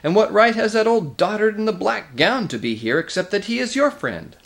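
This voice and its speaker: A man's voice: mid-range voice, animated, normal speed, voice pushed up, lightly acted. Guy reading as angry dwarf from a storybook, sneery n snarly, voice jumps all over. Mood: furious. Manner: snarling, scornful, accusing. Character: angry, sneering, bitter male dwarf rebel. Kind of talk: dramatic audiobook character reading.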